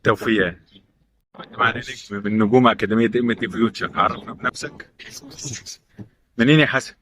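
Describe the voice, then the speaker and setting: At a youth football academy, a man with an Egyptian accent interviews young players rapid-fire, shooting off short questions and echoing their answers back. His mid-range voice is steady and fast, with a noisy background behind him.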